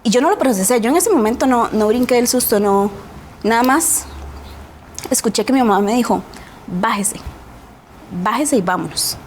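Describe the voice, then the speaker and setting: Earnest Costa Rican woman, slightly high voice. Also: fairly quick, darkish tone, a little hiss or hum. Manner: earnest, reflective, often adds a questioning tag. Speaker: guest. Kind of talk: personal storytelling in a TV interview.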